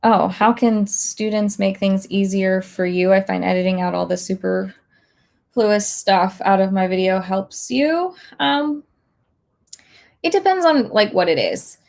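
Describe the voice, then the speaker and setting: A woman instructor casually chatting on a livestream, a bit hoarse as she loses her voice, thinking aloud with lots of fillers. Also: mid-range voice, measured pace, a little mellow. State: slightly hoarse, losing her voice. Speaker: online instructor.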